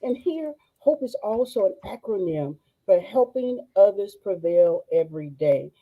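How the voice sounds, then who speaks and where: A woman, hosting a faith-based live show and giving excited, gushing shout-outs to viewers. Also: mid-range voice, measured pace, breathy edge, rough recording. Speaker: host. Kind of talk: excited live-stream chat.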